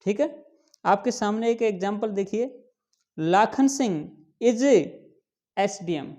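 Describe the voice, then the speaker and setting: A man with a warm, mellow voice teaches a grammar lesson. He asks his students questions and answers them himself, stretching out each example word slowly and stressing the key points. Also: high voice. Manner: drawn-out slow pronunciation of examples. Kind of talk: classroom lesson explaining English grammar.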